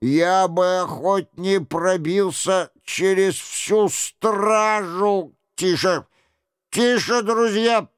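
A man's voice: sits high, very slow, smooth, no echo, studio quality. A man voicing a stout noble duke who talks in a breathless, straining voice in an audiobook. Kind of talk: audiobook character voice.

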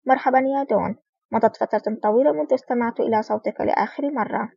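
A woman voicing a cunning female crime boss who speaks softly with a menacing edge. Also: on the high side, quick pace, vocal fry, breathy edge, no echo. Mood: silky. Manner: soft-spoken with a menacing edge. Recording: dull lo-fi recording.

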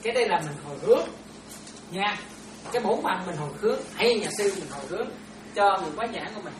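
A woman's voice: medium pitch, lively intonation, fast talker. A Buddhist nun gives an informal dharma talk, chatting and often checking that her listeners are following. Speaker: Buddhist nun teaching disciples. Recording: roomy, distant, noisy room recording.

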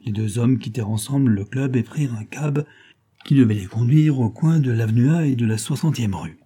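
A man reading a detective novel aloud as steady scripted narration. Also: mid-range voice, breathy edge. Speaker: audiobook reader.

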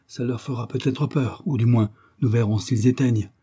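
A man's voice: mid-range voice, fairly even intonation, normal speed, dark tone, breathy edge, lightly acted. A man voicing a pompous, blustering police commissioner who barks orders in a raised voice. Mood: commanding. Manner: bossy, repeats "no doubt about it".

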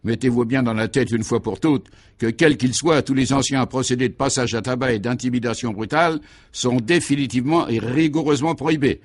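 A man plays a dapper, fastidious police commissioner in his fifties for a vintage radio drama. His natural, medium-pitched voice comes across clear, crisp and commanding, with a fussy precision.

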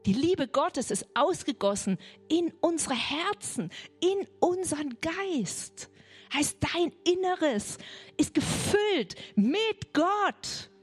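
A woman preaching a charismatic sermon, fervent, repeating phrases and dropping to a soft near-whisper. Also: high voice, big pitch swings, slow pace, soft background music.

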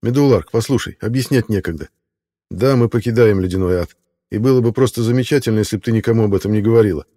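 Man doing a calm, firm doctor. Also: on the low side, quick pace, voice pushed up, lightly acted. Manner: firm, reasoning. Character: calm doctor, surgeon, measured adult man.

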